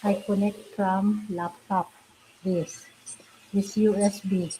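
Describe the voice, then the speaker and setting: Woman, unhurried pace, mellow tone, halting repetitive English, casual chat, slight noise behind. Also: mid-range voice, level tone, rough recording. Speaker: live stream host. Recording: faint background noise.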